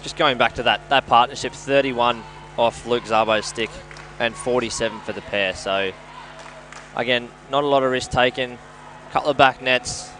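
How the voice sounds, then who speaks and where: An Australian man commentating on a live match, analysing play in a measured way like a coach. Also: mid-range voice, fairly even intonation, bright, forceful tone, soft background music. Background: indoor sports venue with games nearby.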